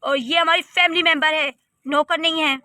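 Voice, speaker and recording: A woman's voice: high voice, steady tone, normal speed, bright, forceful tone, no room sound, studio quality. A woman voicing a stern young husband and father in a cartoon story, speaking firmly and in command. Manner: firm, commanding.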